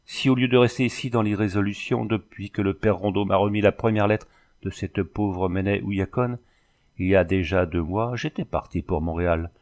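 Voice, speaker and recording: A man's voice: lowish voice, fairly even intonation, normal speed, a little mellow, natural voice. A man reading the lines of an impassioned young French engineer, exclaiming with grief and emotion. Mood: remorseful.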